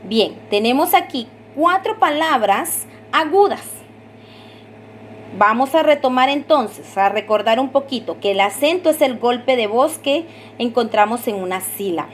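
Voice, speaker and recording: A woman teacher giving a recorded grammar lesson, patiently repeating rules, asking her students to repeat them and drawing out each example word slowly. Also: on the high side, animated, slight background noise. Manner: stretches out example words slowly.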